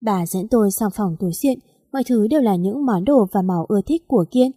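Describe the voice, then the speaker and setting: Woman reading a story, mellow and dry. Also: medium pitch, lively intonation, fast, slightly rough, dry recording. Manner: reads every character's lines in her own voice. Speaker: narrator. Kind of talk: first-person story reading.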